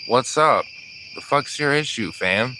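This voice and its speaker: A man's voice: mid-range voice, expressive, unhurried, background noise, pitched above the performer's own voice, natural voice. A man voicing a brash, swaggering young prankster. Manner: crude, swaggering.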